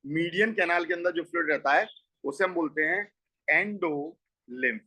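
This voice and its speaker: A man's voice: a little high, normal speed, pushed and bright, low-quality recording. A man teaching a school biology lesson, explaining step by step and asking and answering his own questions. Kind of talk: biology class lecture.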